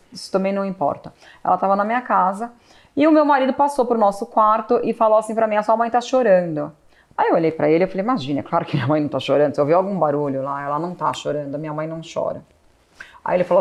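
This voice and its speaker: Emotional woman retelling a family memory. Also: medium pitch. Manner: animated, acts out quoted dialogue. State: tearful at times. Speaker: daughter sharing family story. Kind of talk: emotional conversational storytelling.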